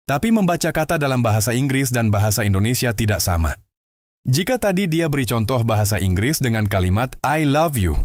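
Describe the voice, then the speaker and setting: Brief: male host and narrator, even explanatory read, mid-pitched. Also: no echo, studio quality. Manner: steady explanatory delivery. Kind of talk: scripted commentary narration.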